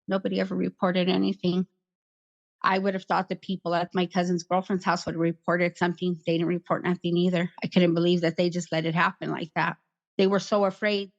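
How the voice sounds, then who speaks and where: A middle-aged woman recounting her past in an interview, in a plain, halting way with many "like" fillers. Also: lowish voice, level tone, vocal fry, dull audio. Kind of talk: personal account in conversation.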